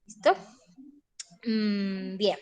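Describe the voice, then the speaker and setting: A woman's voice: medium pitch, fairly even intonation, very slow, a little mellow, clean tone. A young woman teaching an online English class, patiently checking in with her students. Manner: patient, checks in with "¿listo?" often.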